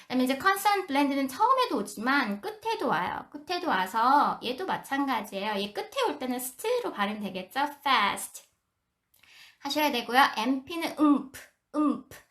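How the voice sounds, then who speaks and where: A woman teaching English phonics to parents on a live stream, explaining and slowly demonstrating sounds. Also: high voice, big pitch swings, a bit bright.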